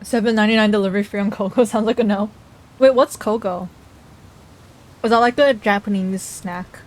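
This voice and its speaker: A woman's voice: medium pitch, steady tone, a little fast. A woman livestreamer chatting casually, reacting to chat messages and talking while she eats.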